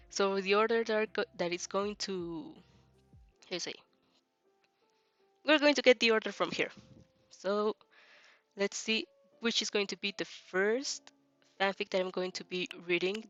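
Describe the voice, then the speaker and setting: This streamer runs a fanfic reaction channel, chatting leisurely on a livestream as music plays underneath. She's giggly and hesitant, groping for words, in a mid-range woman's voice with a fairly bright tone.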